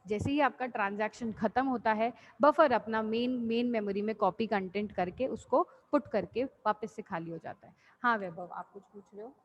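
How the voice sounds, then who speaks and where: Woman lecturer, slightly high voice, patient explainer, online class over a muffled call line. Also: moderate pace, few pauses. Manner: patient, repeats points simply, calls students "beta". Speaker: college lecturer. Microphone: computer mic on video call. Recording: dull lo-fi online call audio.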